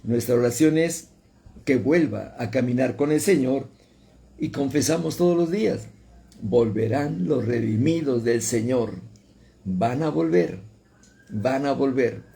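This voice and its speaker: A man's voice: mid-range voice, expressive, a little slow, vocal fry, warm tone. A man preaching a radio sermon, telling a story and repeating phrases for emphasis. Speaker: pastor.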